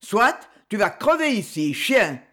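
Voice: medium pitch, very animated, a little slow, sharp tone. A reader voicing a young nobleman who hurls fierce, commanding threats in anger and desperation. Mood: threatening. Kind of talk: audiobook reading.

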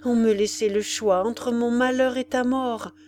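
A woman's voice: a little high, fairly even intonation, a little slow, darkish tone, slight background noise, pitched above the performer's own voice, lightly acted. A woman voicing an anguished young heroine. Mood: pleading. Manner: impassioned, tearful pleading. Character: desperate young woman pleading for her love.

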